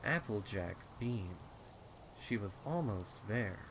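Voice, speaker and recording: With a lowish voice and lively intonation, a man slowly narrates a scripted horror fan fiction story in a dramatic style. Rain and storm effects play behind him, and there's a little hiss or hum.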